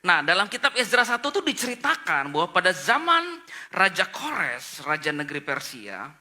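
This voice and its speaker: Male pastor preaching online, super bright sharp voice, jumps way up high when acting out people. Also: moderate pace. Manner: animated storytelling, acting out characters with sudden high-pitched exclamations; mixes in English phrases. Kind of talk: sermon. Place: church, online service.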